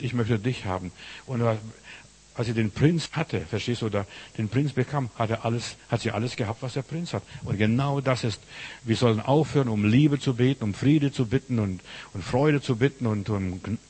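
A man's voice: medium pitch, breathy edge. A man preaching a sermon, telling stories with emphatic, repeated phrases. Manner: voices characters loudly in stories. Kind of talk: sermon with storytelling.

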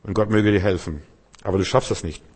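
A man preaching a free-flowing sermon, talking straight to his listeners with rhetorical questions and swinging between loud exclamations and quiet asides. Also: fairly low pitch, steady tone, brisk, breathy edge. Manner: addresses listeners directly, often with rhetorical questions.

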